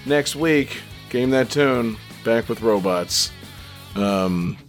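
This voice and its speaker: A man's voice: mid-range voice, expressive, slow, soft background music. A man hosting a live game show podcast, joking around in casual chat with plenty of fillers. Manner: joking, laid-back, many fillers. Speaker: podcast host.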